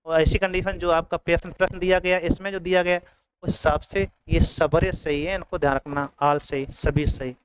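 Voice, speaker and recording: A man's voice: on the high side, fairly even intonation, moderate pace, a little hiss or hum, low-quality recording. A man teaching an exam coaching lesson, repeating each word and often checking in with his students.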